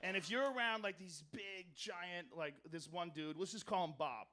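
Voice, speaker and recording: Loud, profane stand-up comic man. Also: high voice, moderate pace. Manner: loud, animated, profane, swings between mumbled asides and shouted punchlines. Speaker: stand-up comedian. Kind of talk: stand-up storytelling. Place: comedy club stage.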